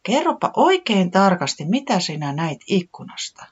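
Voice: mid-range voice, sing-song, breathy edge, lo-fi sound, pitched above the performer's own voice. A reader doing a caring, fussing mother bird. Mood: concerned. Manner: soft, questioning and soothing.

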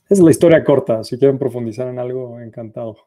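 A middle-aged man with a Mexican accent talks through a podcast interview as the guest. His voice is dark and mellow, and he tells his story in a relaxed, self-deprecating way. The recording is dry and close. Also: medium pitch, quick pace, no room sound, faint music behind.

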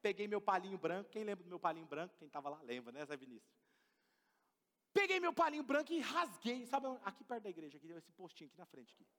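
A man's voice: sits high, sing-song, fast talker, bright, forceful tone, long reverb tail. A man preaching a sermon as pastor, emphatic and questioning the congregation. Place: church.

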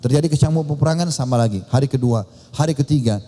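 A man's voice: mid-range voice, quick pace, mellow. A man preaching a sermon as a conversational story, acting out the dialogue himself. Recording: long hall reverb.

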